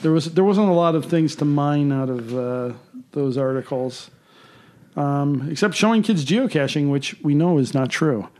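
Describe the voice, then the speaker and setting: A man, chatting casually as a podcast co-host, relaxed and rambling with plenty of fillers. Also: on the high side, normal speed, slight background noise. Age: 50s. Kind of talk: casual chat.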